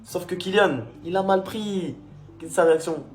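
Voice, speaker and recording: A man's voice: sits high, moderate pace. A man doing casual football commentary in a slangy, mocking, teasing way. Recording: faint music behind the voice.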